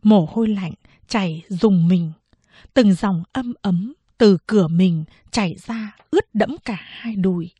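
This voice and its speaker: Slow, measured woman narrating a novel. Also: medium pitch, mellow, husky, dry recording. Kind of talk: audiobook narration.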